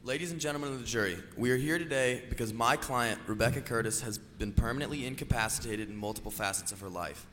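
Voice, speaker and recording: A man's voice: mid-range voice, fast, few pauses, fairly bright tone. A man speaking as a plaintiff's attorney, delivering a formal prepared opening statement. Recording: reverberant hall with faint noise.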